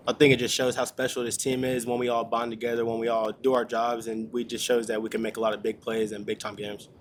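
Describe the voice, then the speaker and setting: Fast-talking young player in post-game interview. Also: male voice, medium pitch, flat delivery, a little hiss or hum. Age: young adult. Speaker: college football player.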